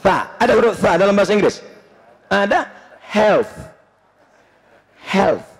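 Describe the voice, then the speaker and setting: A man preaching a humorous, lively sermon in a mosque, with bursts of shouting. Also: sits high. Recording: long reverb in mosque hall.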